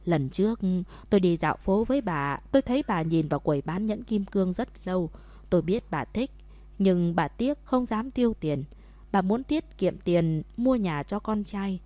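A woman's voice: mid-range voice, animated, normal speed, warm tone, dry recording, close to an everyday voice. Woman reading as a tender older husband. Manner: tender, heartfelt. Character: older man tenderly proposing to wife.

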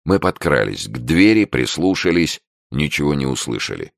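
A man reads a first-person crime story aloud in a measured, dry manner. His voice is extremely deep and gravelly, with a lively rise and fall. The recording is dry and close. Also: no room sound. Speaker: audiobook narrator. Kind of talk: first-person audiobook narration.

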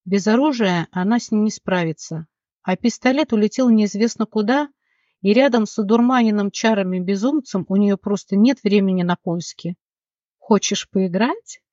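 A narrator reading a fantasy novel aloud, steady and dramatic, in a mid-pitched voice. The recording is close and dry, with a slightly dull, muffled top end. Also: normal speed, no echo. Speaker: audiobook narrator.

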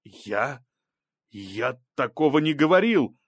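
A man's voice: mid-range voice, big pitch swings, takes it slowly, no echo, clean studio sound, voice pushed up, exaggerated voice. A man reading an audiobook, voicing a male scientist on trial who protests and pleads his case. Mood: protesting.

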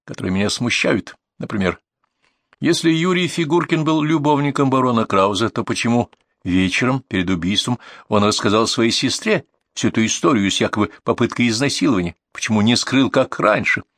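A man voicing a cool-headed police detective who reasons calmly and without hurry. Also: mid-range voice, dry recording. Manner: composed, unhurried reasoning.

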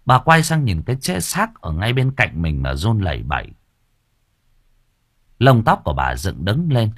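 Husky, lively male storyteller. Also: on the low side, unhurried, no room sound, clean studio sound. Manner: expressive, lively reading. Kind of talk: audiobook narration.

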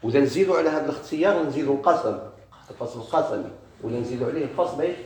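Fast-talking Moroccan grammar teacher. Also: male voice, mid-range voice, darkish tone, roomy sound, a little hiss or hum. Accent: Moroccan Arabic. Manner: poses questions and answers them himself. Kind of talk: classroom grammar lesson.

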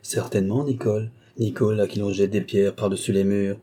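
A man reading aloud and voicing a young male servant who replies calmly and coldly. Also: fairly low pitch, a little fast, breathy edge. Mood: coldly defiant. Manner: calm, cold replies.

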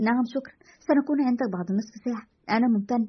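A woman voicing a calm, businesslike male investigator who leads a team, in a dull lo-fi recording. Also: a little high, very fast, slightly rough.

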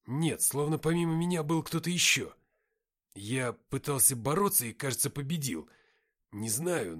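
A man voicing a young male writer, scared and then hostile, in a loud, strained, higher voice.

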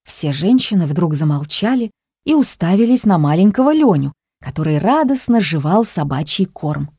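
A woman reading an audiobook in an even, matter-of-fact manner. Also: fairly low pitch, moderate pace, slightly rough, no room sound, clean studio sound. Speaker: audiobook narrator. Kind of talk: scripted narration.

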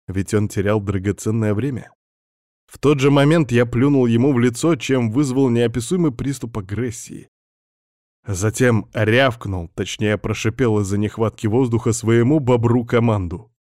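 A man reading a first-person story aloud in a steady, scripted audiobook narration. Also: mid-range voice, no echo, clean studio sound.

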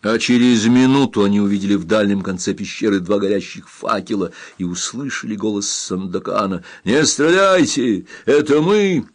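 A man reading an adventure novel aloud in a steady, measured narration. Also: lowish voice. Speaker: audiobook narrator. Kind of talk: scripted narration.

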